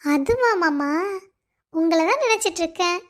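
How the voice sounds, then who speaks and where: A woman doing a very high-voiced, plaintive young wife. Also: lively intonation, normal speed. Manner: pleading, plaintive. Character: young wife, loving, homesick and hurt.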